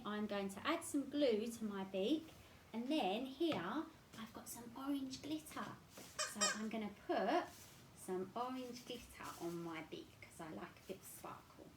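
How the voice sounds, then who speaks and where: A woman leading a craft session and storytime for toddlers, speaking in a gentle, sing-song way aimed at small children. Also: on the high side, reverberant, background noise. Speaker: children's activity leader.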